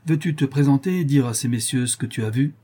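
A man voicing an angry, commanding deputy mayor under forty who speaks forcefully and indignantly. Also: mid-range voice, a little fast, husky, pitched above the performer's own voice, close to an everyday voice. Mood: indignant, loud.

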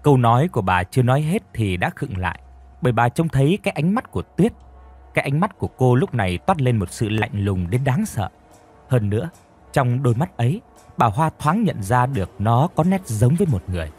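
A man narrating a dramatic audiobook story with a husky voice. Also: medium pitch, very animated, fairly quick, a little mellow, faint music behind.

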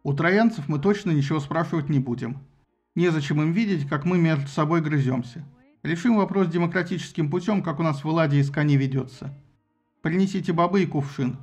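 A man's voice: fairly high pitch, fairly quick, darkish tone, breathy edge, soft background music. A man voicing a flustered male king who mutters and gives orders in an audiobook. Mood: deciding. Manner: muttering, hesitant, then commanding. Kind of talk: audiobook character voice.

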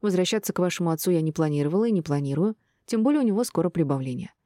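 A woman voicing a calm, decisive middle-aged mother who speaks in a level, stern tone. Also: lowish voice, rapid-fire, no echo, natural voice. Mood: firm.

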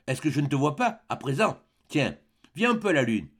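A man's voice: on the high side, sing-song, brisk, fairly bright tone, breathy edge, exaggerated voice. A man voicing an earnest young peasant man who talks eagerly and insistently in an audiobook.

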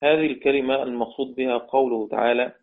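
A man's voice: mid-range voice, fairly even intonation, fast talker. A man with an Egyptian accent teaching a lesson on Quranic readings, explaining step by step, putting questions to his class and repeating key phrases. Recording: tinny phone-like audio.

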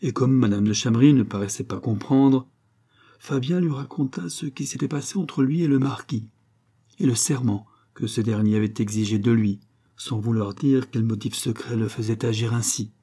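A man reading a nineteenth-century novel aloud as an audiobook narrator, in a measured, expressive way. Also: medium pitch, slightly rough.

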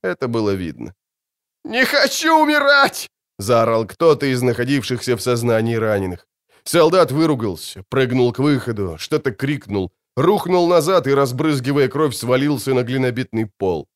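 A man narrating an audiobook in an expressive, animated way. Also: medium pitch, normal speed, no echo, clean studio sound.

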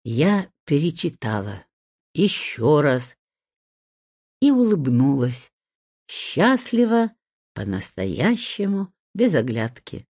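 A woman reading a first-person story aloud, in a soft, expressive way. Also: sits low, slow, pauses often, no room sound, clean studio sound.

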